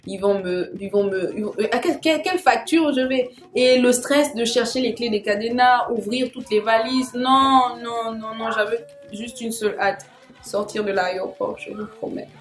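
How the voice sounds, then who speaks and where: A young woman tells a story to her viewers in a casual way. She repeats phrases and drops slangy asides. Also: medium pitch. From Gabon. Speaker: online content creator. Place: home with children playing nearby. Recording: echoey room with faint background noise.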